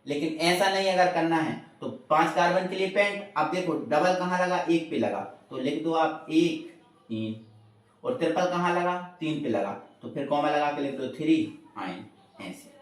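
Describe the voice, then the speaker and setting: A man's voice: fairly high pitch, normal speed, recorded from a distance. Echoey, off-mic chemistry teacher man. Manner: repeats questions and answers them himself, addresses students as beta and bhaiya; reassuring, tells students not to worry. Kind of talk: informal classroom-style lesson.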